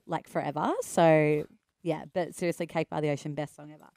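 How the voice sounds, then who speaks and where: A woman's voice: low-pitched, level tone, brisk, vocal fry, mellow, no room sound, studio quality. An Australian woman in her thirties with a cold, interviewing casually in an informal, gushing way. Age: 30s. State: sick with a cold. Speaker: radio interviewer.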